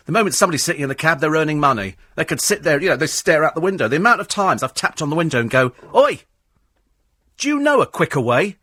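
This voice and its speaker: A man's voice: fairly high pitch, bright, forceful tone, breathy edge, no room sound. A man, a radio talk show host ranting sarcastically in a studio. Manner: sarcastic, mocks cabbies in put-on voices.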